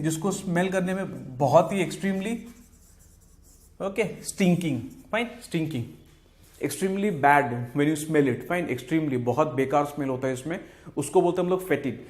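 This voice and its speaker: A male teacher with an Indian English accent and a somewhat high voice runs through exam vocabulary. He slides between Hindi and English and repeats each word and answer, with steady "fine" and "okay" fillers. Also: unhurried. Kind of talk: exam-prep vocabulary lesson.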